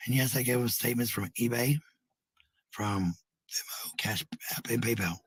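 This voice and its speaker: A middle-aged parent rambles casually about family life in a mid-range, slightly rough voice at normal speed, with no echo. He's blunt and defensive, and swears now and then.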